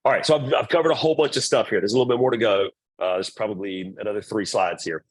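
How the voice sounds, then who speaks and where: A man's voice: fairly low pitch, fast talker, breathy edge. A middle-aged man presenting to volleyball parents, blunt and repetitive, acting out quoted remarks. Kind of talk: parent orientation talk.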